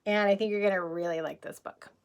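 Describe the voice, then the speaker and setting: This kindergarten teacher talks fast in a mid-range voice while reading a picture book aloud to young children. She tells it expressively with many chuckles, asking the kids questions and explaining words simply as she goes.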